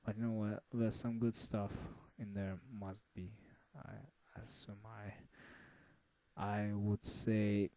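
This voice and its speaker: Man, slow halting album chat, lowish voice, dry close sound. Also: level tone, warm tone, dry recording. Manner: slow, halting, many fillers and restarts. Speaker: music reviewer. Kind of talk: casual album review.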